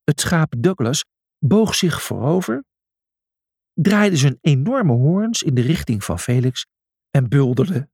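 Expressive husky male storyteller. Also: fairly high pitch, takes it slowly, pauses often, no echo, clean studio sound. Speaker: audiobook narrator. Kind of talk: dramatic scripted children's story narration.

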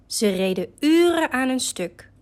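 A woman reading a children's story aloud, slow, gentle and expressive. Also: high-pitched.

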